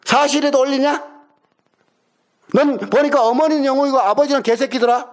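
A man's voice: very high-pitched, moderate pace. A middle-aged man in a heated phone argument with his younger brother, hurling insults and taunting questions. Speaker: older brother.

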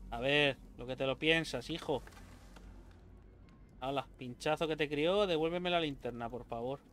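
A man commenting on a horror game, joking, swearing often and shouting when scared. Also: a little high, unhurried. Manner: swears a lot, jokey, yells when scared. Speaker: gaming youtuber. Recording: game music behind the voice.

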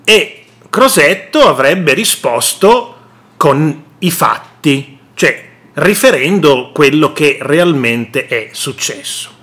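Slow, sarcastic man with a lively voice. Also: fairly high pitch. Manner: indignant, sarcastic, repetitive. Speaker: political commentator. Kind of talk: opinion vlog monologue.

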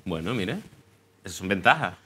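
A man's voice: deep voice, big pitch swings, fairly quick, bright, forceful tone, breathy edge. A male host making dry, teasing remarks in a casual chat. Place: car.

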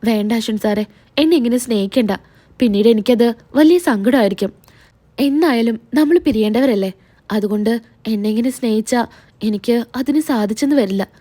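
A woman's voice: fairly high pitch, moderate pace, warm tone, pitched below the performer's own voice, natural voice. Frightened timid young woman, voiced by a woman. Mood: sad. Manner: pleading, fearful.

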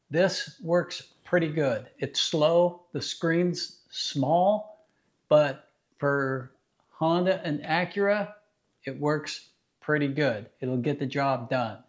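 A man in his fifties, a garage channel host, plainly demonstrating scan tools in his home garage. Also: fairly high pitch. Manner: plain, practical, unhurried explaining. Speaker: DIY mechanic channel host. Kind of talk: casual product demo.

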